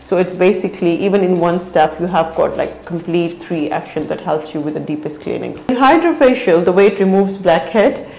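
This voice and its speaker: A woman in her thirties, a clinic practitioner, explaining a facial treatment to camera on a lapel mic in a bright clinic room. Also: on the low side, expressive, a little fast, gravelly, few pauses, reverberant, a little hiss or hum, rough recording. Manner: fluent, explanatory, fond of "basically".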